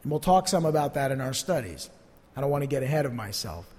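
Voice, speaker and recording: A male pastor, not a native Spanish speaker, teaches a sermon in a church sanctuary with an earnest, emphatic preaching style. His medium-pitched, darkish voice is very animated and quick. The hall adds reverb.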